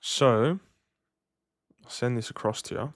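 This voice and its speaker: A man's voice: mid-range voice, slow pace, no echo. A man, chatting casually to livestream viewers in a slangy, matey way. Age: 30s. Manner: laid-back slangy, matey address. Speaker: livestream host.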